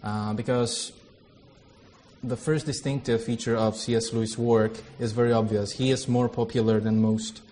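This man's medium-pitched, dark voice barely moves in pitch and goes at a normal speed, with a little hiss or hum. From the Czech Republic and speaking with a Czech accent, he is a theology lecturer opening a workshop with informal talk and a prayer. He hesitates a lot, uses many fillers, and puts himself down.

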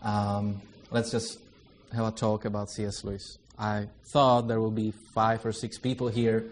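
Over a little hiss or hum, a man with a lowish voice speaks at a measured pace and a level tone. He is a Czech theology lecturer with a Czech accent, opening an informal workshop that includes a prayer. Hesitant and self-deprecating, he leans on many fillers.

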